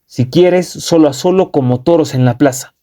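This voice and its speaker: A man voicing an old village elder shouting a challenge. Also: a little high, normal speed, voice pushed up, natural voice. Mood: challenging.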